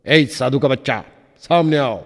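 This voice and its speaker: A man voicing a gruff, bullying male railway ticket inspector who barks orders, in a recording with a long reverb. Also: mid-range voice, measured pace. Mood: bossy. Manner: barking orders.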